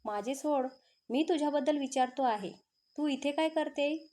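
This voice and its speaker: A woman's voice: high-pitched, moderate pace, warm tone, natural voice. A woman voicing a jealous, hot-tempered young man who snaps and taunts. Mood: angry. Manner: angry, taunting.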